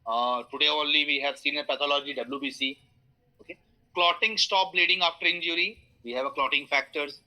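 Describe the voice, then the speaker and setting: Bright-voiced Indian English instructor. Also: male voice, on the high side, fairly even intonation, a little fast, rough recording. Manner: explains with homely analogies, many fillers, invites questions. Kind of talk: online class lecture.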